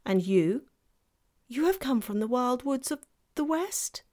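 Woman doing a fussy polite faun guy, courtly and eager, high and lively. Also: takes it slowly, exaggerated voice. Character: polite fussy male faun, gentle and wistful.

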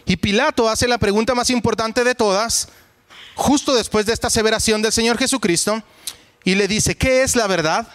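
High-voiced man preaching. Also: steady tone, normal speed, a bit bright. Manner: conversational, speaks to listeners directly. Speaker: pastor leading a Bible study. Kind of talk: conversational sermon.

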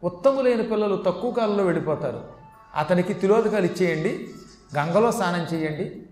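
A man voicing a calm, wise female ascetic who gently consoles a grieving couple, in a low and soothing voice. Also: a little fast, echoey room, soft background music, lightly acted. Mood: consoling.

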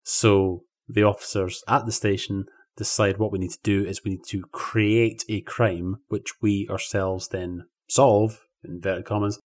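A man's voice: lowish voice, level tone, a little slow, hardly any pauses, darkish tone. A man co-hosting a film podcast, explaining plot points in a chatty, easygoing way. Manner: chatty, explanatory, laughs easily. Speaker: podcast co-host. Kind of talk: casual film review chat.

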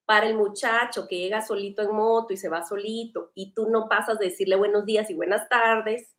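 A woman's voice: mid-range voice, fairly quick, reverberant. Earnest woman hosting a faith panel. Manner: earnest, animated, conversational. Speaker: host.

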